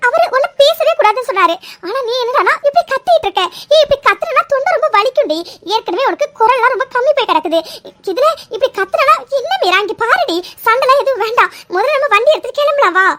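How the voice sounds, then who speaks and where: A woman voicing a young woman's worried, caring best friend in a cartoon serial, fretting and scolding gently. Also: very high voice, no room sound. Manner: fretful, pleading, motherly scolding.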